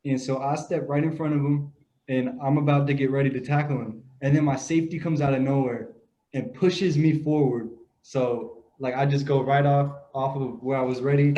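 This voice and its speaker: A young man tells football stories on a casual podcast, loose and rambling, full of filler words. His voice sits at a middling pitch. The audio sounds dull and lo-fi. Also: normal speed. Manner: relaxed, rambling storyteller with many "like" fillers. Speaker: podcast co-host, grandson. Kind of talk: casual sports chat.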